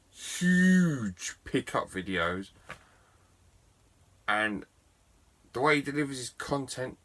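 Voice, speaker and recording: Chatty man with a bright voice. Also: mid-range voice. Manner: chatty and enthusiastic, self-mocking. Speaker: video game collector vlogger. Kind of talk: casual storytelling to camera.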